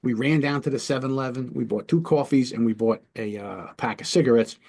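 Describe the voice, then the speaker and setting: A man's voice: mid-range voice, brisk, creaky, a little mellow, breathy edge. A man, a police lieutenant and trainer, teaching through a story in a conversational way, often checking in with his listeners. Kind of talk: instructional storytelling talk.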